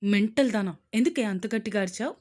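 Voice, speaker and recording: A woman voicing a stubborn young husband who talks loud and blunt. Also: fairly low pitch, fairly quick, close to an everyday voice.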